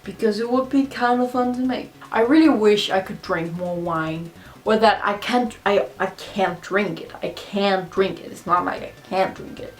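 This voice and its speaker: A woman's voice: mid-range voice, moderate pace. A drunk woman who is not a native English speaker, rambling casually and confessionally in a video blog, often repeating herself. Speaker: video blogger. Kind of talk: casual rambling monologue to camera.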